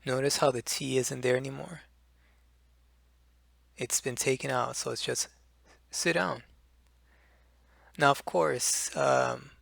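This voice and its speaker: Slow, gravelly man teaching. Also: medium pitch, a bit bright, dry recording, studio quality. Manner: slow and deliberate, with many fillers. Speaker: language teacher. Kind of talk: explaining pronunciation.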